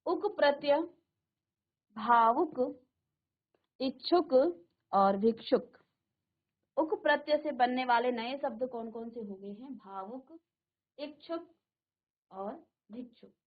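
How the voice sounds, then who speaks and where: A middle-aged woman teacher giving a classroom lesson, repeating each word slowly and asking the class questions. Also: on the high side, narrow, tinny audio. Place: virtual classroom studio.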